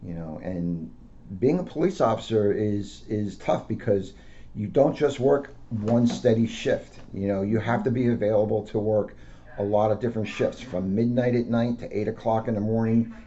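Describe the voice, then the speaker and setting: A middle-aged American man who works as a school police officer reads aloud and talks informally to schoolchildren. His fairly low, mellow voice moves at normal speed, and the recording is dull lo-fi audio with faint noise.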